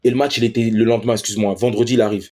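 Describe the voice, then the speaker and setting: Husky-voiced man telling a slangy story. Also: on the low side, very fast. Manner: animated, acts out others in raised voices; slangy street French. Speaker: professional footballer, interview guest. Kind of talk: casual storytelling in an interview.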